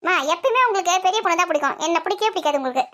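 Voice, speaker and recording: A woman's voice: very high-pitched, lively intonation, racing, sharp tone, full character voice. A woman voicing a sulky, playful college-age daughter who whines and pleads in a comic family skit. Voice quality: whiny and pleading.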